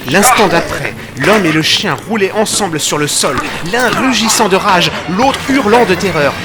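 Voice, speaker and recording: An actor voicing Doctor Watson, who narrates a period mystery audio drama with lively, rising and falling intonation and a slightly raised pitch. He builds the tension line by line. Music plays clearly underneath.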